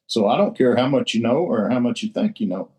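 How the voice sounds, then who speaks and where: With a brisk, dark-toned voice of medium pitch, a man gives a casual share in a recovery roundtable. As a group member, he talks bluntly and saltily, swearing openly and repeating himself for emphasis.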